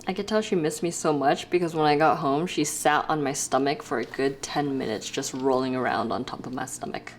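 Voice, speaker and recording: A young woman in her twenties chatting casually in a vlog voice-over, still husky with her morning voice, upbeat and full of fillers. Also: deep voice, brisk, hardly any pauses, slight background noise. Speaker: vlogger and small shop owner.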